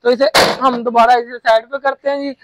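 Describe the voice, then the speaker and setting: A young man from Pakistan hosting a market tour vlog with a brisk, upbeat presenter manner, recorded outdoors in a warehouse yard on a lapel mic. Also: very high-pitched, little pitch movement, fairly bright tone, no echo. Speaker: vlogger host. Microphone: clip-on lapel mic.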